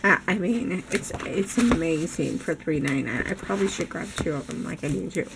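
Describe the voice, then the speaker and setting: Her voice is lowish, expressive and brisk, with vocal fry and signs of strain. She's an older woman vlogging a crafting haul over her craft room table, chatting enthusiastically and laughing a lot, recorded noisily by a camera overhead.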